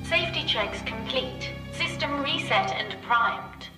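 A woman's voice: fairly high pitch, sing-song, slow. An actress voicing an impassive female spaceship computer that makes formal, clipped procedural announcements in a television drama. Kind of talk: television science fiction drama acting. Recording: echoey, distant, loud music behind.

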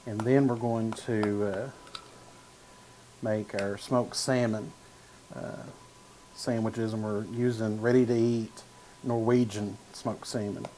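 Stirring and slicing in a home-style indoor studio kitchen, a man in his thirties hosts a cooking show and walks through a recipe casually, using "uh" and "gonna" a lot. His dark voice is on the low side and steady, slow with long pauses. The recording is rough, with a little hiss or hum.

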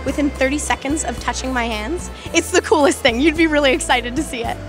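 High young woman, deadpan in-character menace, convention floor, handheld mic. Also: a little fast, music in the background. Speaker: cosplayer in character. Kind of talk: in-character banter. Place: convention hall booth. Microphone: handheld interviewer mic.

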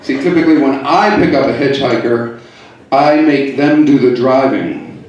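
A man from the Pittsburgh area doing a stand-up comedy set in a hotel comedy club, delivering deadpan punchlines with quick asides. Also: mid-range voice, highs cut off. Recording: echoey club heard from far off.

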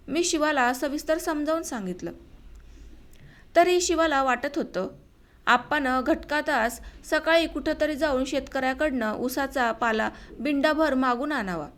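A woman with a high voice reads an autobiographical novel aloud as an audiobook. Her reading is steady and measured, and she gives the dialogue its own voices. The style is scripted narration throughout.

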